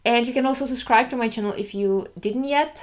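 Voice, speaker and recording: A woman's voice: a little high, brisk. Chatty woman vlogger, candid and easygoing. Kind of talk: casual vlog talk.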